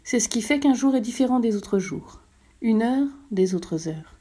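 A woman voicing a wise, gentle fox in a storybook reading, calm and measured as it explains. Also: fairly high pitch, husky. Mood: patient.

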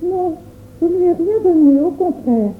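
A woman's voice: extremely high pitch, expressive, normal speed. A woman voicing a tender, tearful little girl. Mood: timid. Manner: pleading, sweet and timid. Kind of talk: storybook reading. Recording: tinny phone-like audio.

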